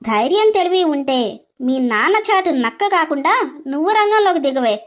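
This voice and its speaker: A woman voicing a defiant, high-voiced young heroine. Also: expressive, normal speed. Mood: taunting. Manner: defiant, sarcastic. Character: bold clever young woman. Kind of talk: storybook voice acting.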